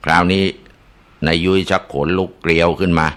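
A man's voice: deep voice, flat delivery, brisk, fairly bright tone, smooth. A man narrating a ghost story in a dramatic way, with occasional filler sounds.

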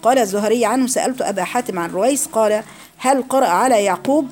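A woman's voice: on the high side, quick pace, a little mellow, soft background music. A woman with an Egyptian accent teaching Quran recitation rules in a classroom lecture, explaining each rule and quizzing her students with questions.

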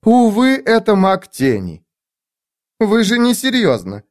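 A man's voice: high voice, huge pitch swings, takes it slowly, voice pushed up, exaggerated voice. A man voicing a stern, exasperated priestess.

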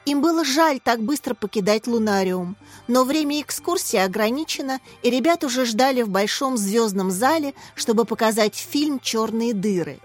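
A woman reading a children's storybook aloud in calm, expressive narration. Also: a little high, moderate pace, few pauses, faint music behind. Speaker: audiobook narrator.

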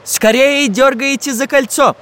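A man voicing a cheerful iron male craftsman who gives brisk commands. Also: very high voice, fairly bright tone, voice pushed up. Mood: urgent.

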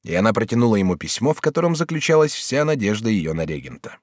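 A man narrating a classic historical novel as an audiobook in a steady, measured way, recorded in a studio. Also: fairly low pitch, no echo.

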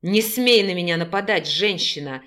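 A woman reading an audiobook and voicing a possessive, domineering bear-shifter man who speaks in a slow, clipped, growling way. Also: mid-range voice, expressive, a bit bright, close to an everyday voice. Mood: furious. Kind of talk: audiobook character voice.

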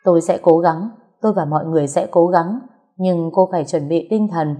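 A woman voicing a grave, measured male doctor. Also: lowish voice, warm tone, lightly acted.

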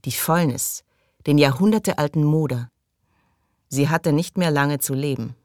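A man reading an audiobook aloud in measured, dramatic storytelling. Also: on the high side, darkish tone, no room sound, clean studio sound. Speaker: audiobook reader. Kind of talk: scripted narration.

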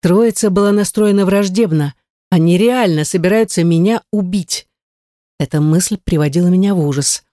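A woman's voice: fairly low pitch, normal speed, dark tone, no echo, studio quality. A woman narrating an audiobook in a tense, dramatic storytelling manner. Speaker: audiobook reader.

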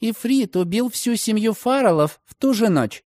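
A man voicing a proud, sharp-tongued young woman who talks in a high, accusing tone. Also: lively intonation, normal speed, no room sound, studio quality. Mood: indignant.

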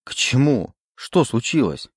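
A man's voice: medium pitch, very animated, a little slow, breathy edge, no room sound, clean studio sound, pitched above the performer's own voice. Man voicing a frantic, frightened young man. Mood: confused. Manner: pleading, rising panic.

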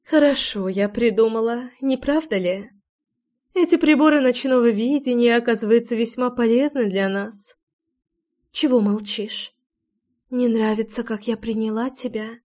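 A woman doing a cold, gloating woman villain for a storybook, scheming and a touch high. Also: normal speed, a little mellow, lightly acted. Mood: menacing. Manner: cold, gloating, hissing threats.

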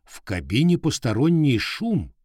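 A man voicing a calm, kindly middle-aged professor in a read-aloud storybook, speaking in a measured, reassuring way. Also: medium pitch, breathy edge, dry recording, clean studio sound, pitched above the performer's own voice. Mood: concerned.

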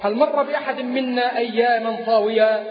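A man's voice: extremely high pitch, steady tone, fairly quick. A man preaching a sermon in a chanting, sing-song delivery, repeating key phrases. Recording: echoey lo-fi mosque recording.

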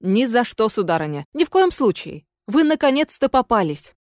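A woman voicing a calm, mocking young male heir in an audiobook, cool and unhurried. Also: a little high, dry recording, studio quality. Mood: cold.

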